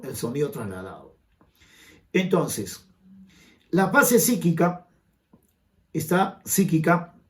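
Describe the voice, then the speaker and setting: A Peruvian man with a Peruvian Spanish accent walks through exam questions as a grammar teacher. His pitch rides high, and his voice swings up and down with emphatic rhetorical questions to the viewer. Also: darkish tone. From Peru. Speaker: language teacher. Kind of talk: exam-prep grammar lesson.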